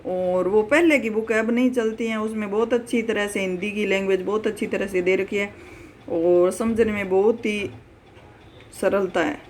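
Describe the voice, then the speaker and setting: A woman's voice: medium pitch, a little mellow, a little hiss or hum. A woman teaching an online exam-prep lesson, explaining patiently, repeating words and examples, and calling her viewers friends. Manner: spells out word pairs slowly.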